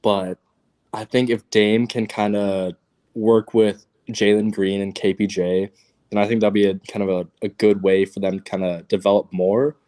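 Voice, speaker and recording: Co-host, male, lowish voice, phoned in, casual rambling delivery with fillers. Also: flat delivery, normal speed, dark tone. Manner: loose, filler-heavy, many ums and likes. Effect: talking over a phone. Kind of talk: casual sports talk.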